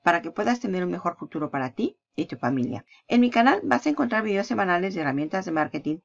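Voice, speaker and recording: A woman's voice: lowish voice, very animated, quick pace, creaky, dull audio. A woman hosting a screen-recorded marketing tutorial, chatty and upbeat, explaining step by step. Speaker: online marketing channel host.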